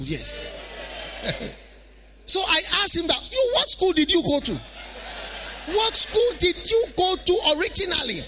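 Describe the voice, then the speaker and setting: High-pitched Ghanaian man preaching emphatically. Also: pushed and bright. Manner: emphatic, repetitive, rhetorical questioning. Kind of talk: sermon.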